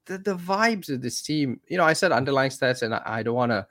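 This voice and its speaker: A man's voice: medium pitch, lively intonation, brisk, a bit bright. A man co-hosting a casual fantasy football podcast, chatty and exasperated, often calling his partner "mate". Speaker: podcast co-host. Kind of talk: casual chat.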